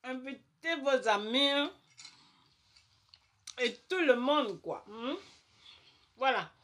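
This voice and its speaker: Animated woman ranting with emphatic asides. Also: sits high, takes it slowly. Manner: emphatic, chatty, peppered with "hein" and "quoi"; repeats herself for emphasis. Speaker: comic monologue persona. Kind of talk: comic rant to camera.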